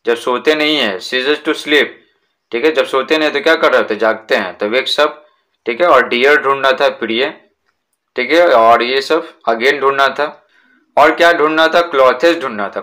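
A man with a bright, forceful voice explains a lesson in Hindi. He reads words slowly, asks the class questions and answers them himself. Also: mid-range voice. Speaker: teacher.

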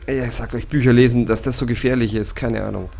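A man voicing live commentary over a horror game at his desk mic. He sounds jittery, addresses his viewers and lets out frequent scared gasps, with a voice of ordinary middle pitch. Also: fairly even intonation, quick pace, creaky, a little mellow, a little hiss or hum. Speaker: let's play gamer.

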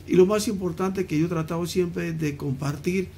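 Gravelly pastor with frequent amens. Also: male voice, high-pitched, fairly even intonation, moderate pace, warm tone, a little hiss or hum. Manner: affirming, answers with frequent amens. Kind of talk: hosting an online church testimony call.

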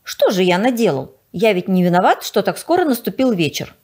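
Fussy young storybook boy, complaining, husky voice, read by a woman. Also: medium pitch, sing-song, fairly quick, darkish tone. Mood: whiny. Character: fussy picky young boy, easily frightened.

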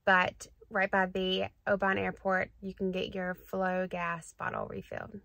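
A woman talking casually to the camera on a campervan road trip, chatty and quick to laugh. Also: mid-range voice, little pitch movement, creaky, bright, forceful tone, no echo. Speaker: travel vlogger. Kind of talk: casual vlog talk to camera.

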